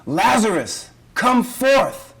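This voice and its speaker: A man voicing a commanding male miracle worker, calling out loudly and high. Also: very animated, takes it slowly, heavy background noise, heavily acted.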